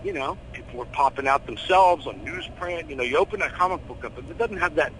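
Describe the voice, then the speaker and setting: Bright, opinionated middle-aged American man. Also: fairly high pitch, fast talker, slight background noise, rough recording. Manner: animated, opinionated, slangy. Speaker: horror host being interviewed. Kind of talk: casual interview chat.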